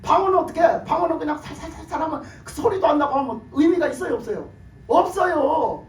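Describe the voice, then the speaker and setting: A man preaching a sermon in a hoarse, worn voice, pressing his point with rhetorical questions and laughter. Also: very high voice, expressive, fast talker, a little hiss or hum. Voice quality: hoarse, broken voice from years of shouted prayer. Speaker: pastor. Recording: echoey room, mic at a distance.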